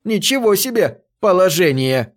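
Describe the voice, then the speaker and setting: A man's voice: high voice, very animated, unhurried, pitched above the performer's own voice. A man voicing a meek, bewildered work robot in an audiobook, speaking in a plaintive, aggrieved way. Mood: upset, insistent. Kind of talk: audiobook reading of a science fiction story.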